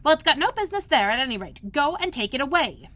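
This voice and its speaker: Woman doing a bossy storybook rabbit, shrill and scolding, big loud swoops. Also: big pitch swings, fast talker. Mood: angry. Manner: shrill, scolding, shouting orders.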